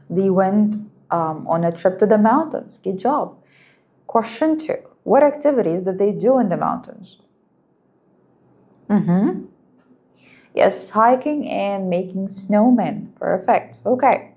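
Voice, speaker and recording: A woman whose first language is Arabic teaching an English lesson, speaking slowly and clearly and praising her students. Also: mid-range voice, lively intonation, mellow. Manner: patient, encouraging, slow and clear, explains in Arabic too.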